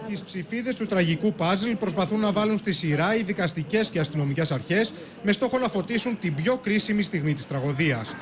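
A man reading a news report in a measured, formal way. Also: high-pitched, expressive, a crowd in the background.

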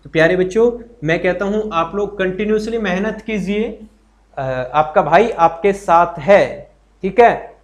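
A man's voice: high voice, measured pace. A man teaching a live online exam-prep class, chatty and encouraging, who repeats each point, quizzes his students and answers their comments. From Haryana, India. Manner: greets viewers and reads their comments aloud.

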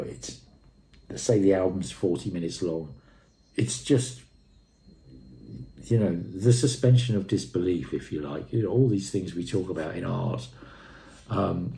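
An audio equipment and music reviewer in his 60s gives an unscripted product review to camera from a room at home. His low, mellow, soft-edged voice carries vocal fry and effusive, emphatic enthusiasm, often repeating phrases, and the sound is roomy and echoey.

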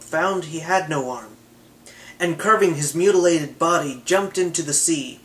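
A man reads an old myth aloud in a steady, measured way. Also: a little high, slight background noise, low-quality recording. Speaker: reader.

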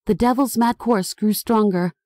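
A woman author reading her own horror novel aloud as audiobook narration, in a dramatic, expressive style. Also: medium pitch, moderate pace, dry recording, clean studio sound.

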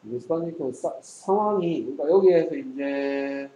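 A man's voice: a little high, slow, warm tone, roomy sound, slight background noise, rough recording. A man tutoring English one-on-one, quizzing his student and joking bluntly, in a casual lesson. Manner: teasing, quizzing, blunt slang.

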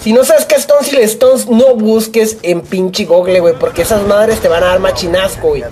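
A young man with a Mexican accent giving live gameplay commentary, swearing, joking in rambling asides and yelling at opponents. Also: high-pitched, moderate pace, a little hiss or hum. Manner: profane, excitable, yells at opponents. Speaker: gaming YouTuber.

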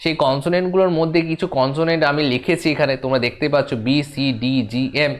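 Male teacher, fairly high voice, slow and repetitive, talks straight to the class. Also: fairly even intonation. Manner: slow, repeating points, addressing students directly. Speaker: teacher giving a demo class. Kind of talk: classroom lesson.

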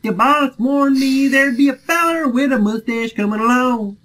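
A man voicing a swaggering male villain henchman from a video game, with a slow folksy drawl and tough talk. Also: sits high, a bit bright.

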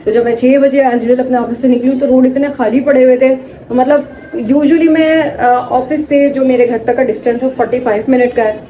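A young woman vlogger chats casually and straight to her phone camera, held at arm's length, as she walks through the rooms and kitchen of her home. Her high, mellow voice keeps a fairly even intonation at a normal speed. The audio is poor, with slight background noise.

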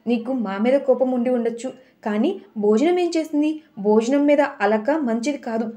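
A woman voicing a patient, kind young man who gently coaxes a child to eat, in a storybook retelling. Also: high voice, normal speed, lightly acted. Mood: coaxing. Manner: coaxing, gentle.

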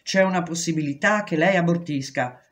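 A woman's voice: fairly low pitch, fairly quick, close to an everyday voice. A woman reading aloud, voicing a dismissive male prison doctor with curt, evasive replies. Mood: cold. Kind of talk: audiobook reading.

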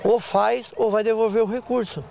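The speaker, an older man with a Brazilian Portuguese accent, has a high, creaky, slightly mellow voice with fairly even intonation at normal speed. As president of a market association, he gives a plain-spoken street interview outdoors at an open-air market, rural in speech and repetitive, into a handheld mic with slight background noise.

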